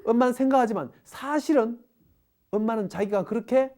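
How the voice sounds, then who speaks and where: A woman's voice: on the high side, brisk, warm tone. A middle-aged woman giving a parenting lecture, asking the audience rhetorical questions. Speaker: parenting educator.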